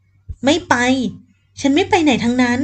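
A woman voicing a defiant young woman held captive, who snaps back and shouts while struggling. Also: high-pitched, measured pace.

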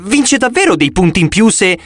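A man voicing an excitable, chattering young boy in an audiobook. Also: high voice, moderate pace, no echo, clean studio sound, pitched above the performer's own voice, heavily acted. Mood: excited.

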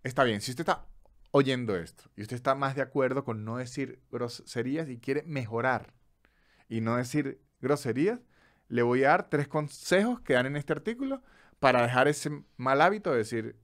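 A Venezuelan man co-hosting a podcast in casual chat, animated and slightly stammering, often acting out little quoted dialogues. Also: medium pitch, normal speed. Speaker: podcast co-host.

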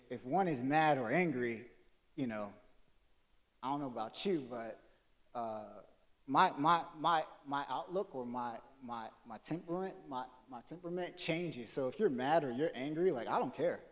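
A male pastor preaching a conversational sermon, swinging from loud to hushed. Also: medium pitch.

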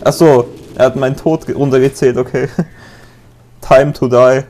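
A young man casually commenting on his gameplay, chatting, joking and yelling at the game now and then. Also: medium pitch, steady tone, unhurried, a little hiss or hum. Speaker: let's play gamer.

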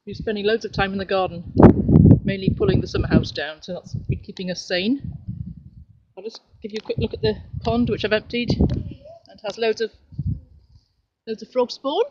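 A middle-aged woman chats her way around her back garden while filming on a handheld camera. Her talk is relaxed and cheerful, a casual home tour. The audio is dull and lo-fi, with steady background noise over the outdoor sound. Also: medium pitch, moderate pace. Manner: chatty, relaxed, cheerful narration while walking. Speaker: home video maker. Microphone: handheld camera mic.

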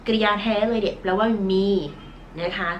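A woman's voice: medium pitch, steady tone, slight background noise. Nasal-voiced woman teaching English vocabulary. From Thailand. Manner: patient, drawn-out model pronunciations; self-conscious about her nasal voice. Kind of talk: recorded online lesson.

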